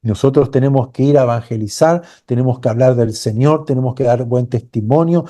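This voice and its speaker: A man's voice: medium pitch, a little fast, dark tone. A man preaching a sermon as pastor, earnest and building to fervent cries. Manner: acts out quoted voices of a blind beggar crying out.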